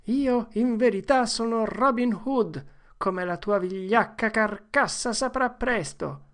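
Woman doing a bossy boy playing outlaw. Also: slow pace. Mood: bold, theatrical. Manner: high-pitched, loud, theatrical declaiming.

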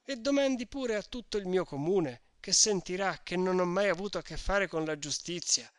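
A man's voice: sits high, animated, moderate pace, dry recording, studio quality, pitched above the performer's own voice. A man voicing an earnest, indignant young peasant man who pleads in a raised, eager voice in a storybook reading. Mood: pleading.

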